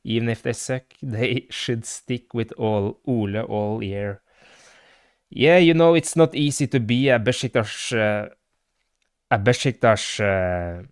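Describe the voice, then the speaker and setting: Hosting a live stream, a man with a Norwegian accent rambles loosely about his football club, full of fillers and replies to the live chat. His fairly low voice is smooth, captured at studio quality without room sound.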